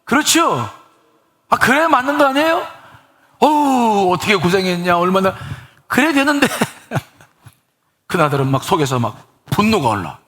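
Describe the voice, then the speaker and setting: A man's voice: high-pitched, sing-song, normal speed, long pauses, a bit bright. A male pastor preaching a sermon in a church, telling the story vividly and asking rhetorical questions.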